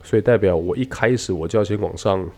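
A man teaching English pronunciation in a lesson, explaining patiently and demonstrating words slowly. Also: lowish voice, warm tone, soft background music. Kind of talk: radio-style English lesson.

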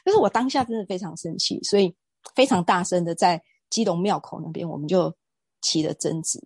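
A woman, a guest on an interview show, telling stories in an outspoken, animated way. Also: lowish voice, fairly quick, husky, no room sound. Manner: outspoken, self-described fiery temper; animated storytelling. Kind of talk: casual interview talk.

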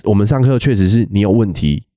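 A young Taiwanese man telling army stories on a podcast, his voice low and dark, with a Taiwanese Mandarin lilt. He talks quickly in a rambling, animated way, in a dry, close-sounding room. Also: dry recording. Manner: rambling, animated, mimics shouting officers. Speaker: podcast host. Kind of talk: casual storytelling chat.

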